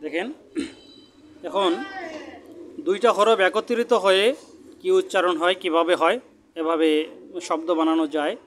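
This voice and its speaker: A man's voice: sits high, a little slow, pauses often, fairly bright tone, a little hiss or hum. A man teaching Quran reading, patiently sounding out letters and repeating each syllable drill several times. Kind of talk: slow spelled-out recitation lesson.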